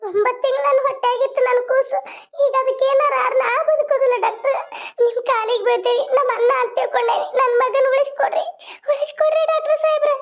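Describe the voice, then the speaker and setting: Sharada, a shrill, frantic young mother. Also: steady tone, quick pace. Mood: sobbing. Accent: North Karnataka Kannada. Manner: sobbing, begging. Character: desperate young village mother, pleading. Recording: lo-fi phone-like sound.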